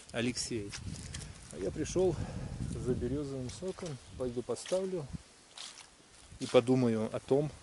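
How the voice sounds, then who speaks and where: A man talks to camera outdoors in the countryside, musing on faith. He speaks in a middling voice, hesitant and full of pauses and fillers. Faint outdoor noise sits behind him. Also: mid-range voice. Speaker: vlogger. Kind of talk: casual spiritual musing to camera. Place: outdoors in a rural area.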